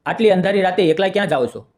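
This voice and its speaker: A man's voice: high-pitched, expressive, fast talker, darkish tone. A man reading the lines of a kind young village rickshaw driver, earnest and reassuring.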